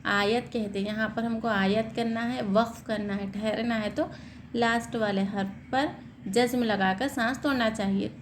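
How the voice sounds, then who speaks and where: A woman teaching Quran reading, asking questions and answering them herself, then spelling out and reciting words slowly. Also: fairly high pitch, steady tone, a little hiss or hum. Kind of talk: step-by-step recitation lesson.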